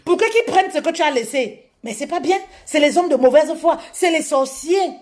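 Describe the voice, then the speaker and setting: A woman relationship coach giving casual advice talk in an animated way, laughing often and calling listeners "maman". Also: sits high, normal speed.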